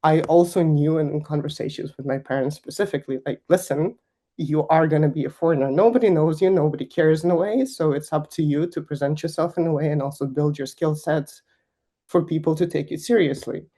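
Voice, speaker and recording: A young woman from Kazakhstan, a guest finance executive, answers interview questions candidly and emphatically, laughing often. Her voice is deep and dark-toned, and she speaks a little fast.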